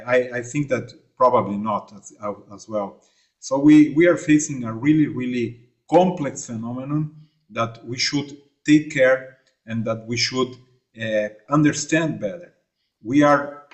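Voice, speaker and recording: A man from Argentina addresses a seminar from afar over a video call. His delivery is halting, full of fillers and restarts, at an ordinary middle pitch. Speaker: invited remote speaker. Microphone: remote video call.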